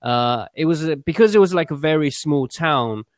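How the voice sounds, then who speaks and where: A man's voice: on the high side, lively intonation, normal speed, no room sound. Laid-back guest, man of thirty-odd, talks freely with lots of uhs and likes, very dry sound. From born in China, raised in England from nine. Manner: chatty, lots of fillers and laughs. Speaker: guest, company founder. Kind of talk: casual interview chat. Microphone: remote audio call.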